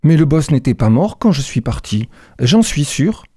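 A man's voice: a little high, big pitch swings, normal speed, mellow, slightly rough, no room sound, studio quality. A man reading aloud voices a cornered, defeated male executive who answers in tense, bitter bursts. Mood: anxious.

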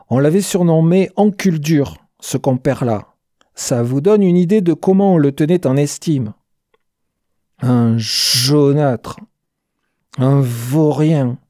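A slow, unhurried reader telling a first-person war story in a mellow, warm voice. The tone is blunt and slangy, and the recording is close and dry with no room sound. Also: mid-range voice, no echo. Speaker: audiobook narrator.

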